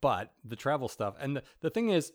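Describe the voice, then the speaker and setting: A man co-hosting a casual book-discussion podcast, talking in a rambling, halting way and narrating passages aloud. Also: medium pitch, sing-song. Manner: rambling, halting, with many restarts. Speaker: podcast co-host.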